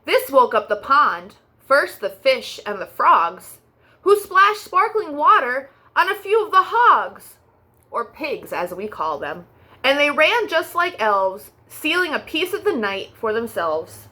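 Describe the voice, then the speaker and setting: At a children's storytime, a woman reads a rhyming picture book in a high, sing-song, expressive voice, taking it at a slow pace.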